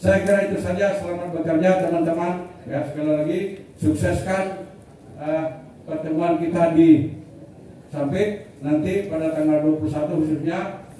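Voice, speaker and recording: A middle-aged man leading an organization, giving a blunt, military-style rallying speech that builds to loud repeated declarations. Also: fairly high pitch. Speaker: leader of a community organization addressing members. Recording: echoey hall, mic far off, faint noise.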